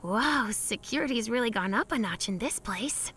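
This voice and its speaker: Nettie the Yeti, voiced by a woman, high and lively. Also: moderate pace, loud music behind the voice, close to an everyday voice. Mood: frustrated. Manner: animated, sighing, talks to herself. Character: eager young female yeti, flustered. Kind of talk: cartoon voice acting.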